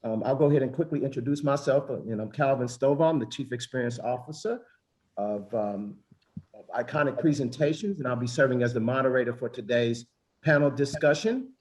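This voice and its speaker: A man's voice: mid-range voice, a little fast, a little mellow. A man moderating an online conference panel. He sounds upbeat and welcoming, with a lot of ums and restarts as he introduces the guests. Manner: upbeat, many fillers and restarts.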